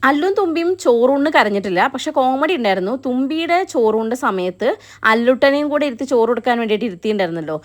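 A woman's voice: on the high side, animated, rapid-fire. A young woman, narrating her family vlog as a chatty voice-over and often tagging on a friendly 'you know'. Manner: chatty, keeps adding 'you know' tags. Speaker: family vlogger.

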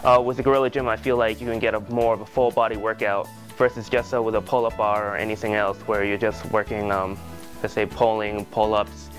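A man's voice: fairly low pitch, little pitch movement, brisk, faint music behind. A man giving a testimonial, hesitant and full of fillers. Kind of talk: testimonial interview.

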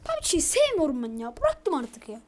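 Excitable high-voiced woman gaming. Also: moderate pace. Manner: excitable, bursts into frantic repeated complaints. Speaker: gaming YouTuber. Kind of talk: casual gameplay commentary.

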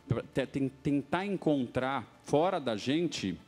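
Man commenting with halting restarts. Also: mid-range voice, lively intonation, a little mellow, soft background music. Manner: halting, many restarts and tag questions. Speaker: studio panelist. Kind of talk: explanatory commentary. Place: TV studio.

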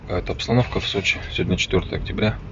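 A man's voice: deep voice, rapid-fire. A man chatting casually to his viewers as a motovlogger, recorded outdoors on a handheld phone. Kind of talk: casual vlog chat to viewers. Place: outdoors, street and pavement cafe table. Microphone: handheld phone close to the speaker. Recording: muffled phone audio with street noise.

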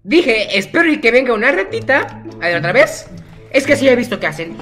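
A man's voice: very high-pitched, sing-song, brisk, fairly bright tone, soft background music. A teenage boy with a Mexican accent, chatting casually over his gameplay in a rambling, jokey way that keeps correcting itself. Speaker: gaming YouTuber.

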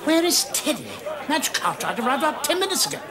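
Brief: pompous posh patriarch, lively blustering delivery, studio laughs behind. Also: male voice, very high-pitched, fast talker, crowd noise. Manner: pompous, indignant. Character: blustering upper-class father, greedy businessman. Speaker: aristocratic father. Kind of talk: 1990s studio sitcom acting. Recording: sitcom with studio audience laughter.

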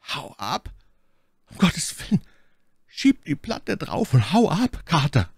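A man's voice: fairly high pitch, very animated, slow, creaky, husky, no room sound, studio quality, voice pushed up, full character voice. A man voicing a terrified, trapped man who pleads in a desperate, half-whispered voice.

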